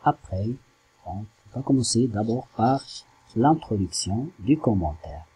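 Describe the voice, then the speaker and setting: Man, husky voice, slightly low, slow hesitant literature teacher. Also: lively intonation, mellow, low-quality recording. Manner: slow, hesitant, spells out syllables. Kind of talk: slow classroom explanation.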